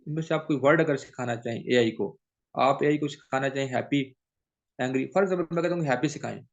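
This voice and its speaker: A man's voice: medium pitch, fast. A man teaching a training session, mixing English into his explanations and often checking with "theek hai?". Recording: dull lo-fi recording.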